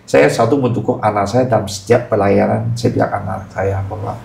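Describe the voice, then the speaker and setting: A middle-aged man giving a casual personal testimony on a podcast, his voice jumping up in pitch when he gets emotional. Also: steady tone, fairly quick, gravelly, a little mellow, a little hiss or hum. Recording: echoey room.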